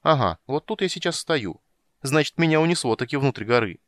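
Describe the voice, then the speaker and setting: A man reading an audiobook, voicing a small, curious, excitable male kender adventurer with eager, breathless wonder. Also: medium pitch, brisk, dry recording, clean studio sound, pitched above the performer's own voice, close to an everyday voice. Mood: excited.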